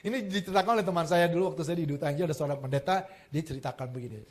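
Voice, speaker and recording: High-voiced preacher swinging loud to soft. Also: male voice, very fast. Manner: lively storytelling with jokes and acted quotes; wide swings between loud emphasis and soft asides. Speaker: pastor. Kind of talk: sermon.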